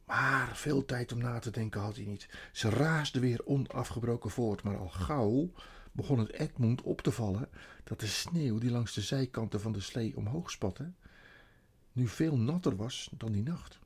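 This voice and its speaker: A man reading a children's story aloud in an expressive, dramatic way. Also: medium pitch, normal speed, breathy edge.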